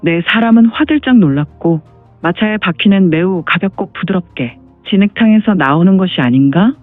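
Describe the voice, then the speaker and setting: In a piece of scripted storytelling, a high-voiced man narrates a martial arts tale expressively at a normal speed. The recording sounds dry and dull, with faint music beneath it.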